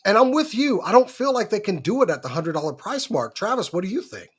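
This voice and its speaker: High-voiced man telling stories animatedly. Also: very animated, fast, slightly rough. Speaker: co-host. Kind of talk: casual livestream chat.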